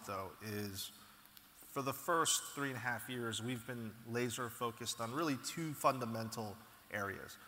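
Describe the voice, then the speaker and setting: A man being interviewed as a company founder, telling stories in an animated, casual way with frequent restarts. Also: medium pitch, a little hiss or hum. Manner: animated storytelling, frequent restarts and "you know". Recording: echoey hall with long reverb.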